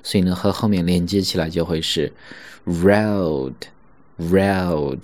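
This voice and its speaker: A man teaching English pronunciation in an online lesson, slowly stretching out English words to demonstrate them. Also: deep voice, fairly even intonation, a little mellow. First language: Mandarin Chinese.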